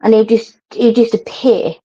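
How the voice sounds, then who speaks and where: A woman's voice: fairly high pitch, fairly even intonation, moderate pace, warm tone, slightly rough. A middle-aged woman, chatting casually to viewers as a livestream host, rambling and laughing often. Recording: dull lo-fi stream audio.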